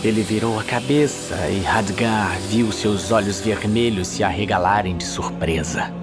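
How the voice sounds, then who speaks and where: A Brazilian-accented man with a lowish voice narrates a scripted fantasy story dramatically and a little slowly. The recording layers his voice over music and sound effects.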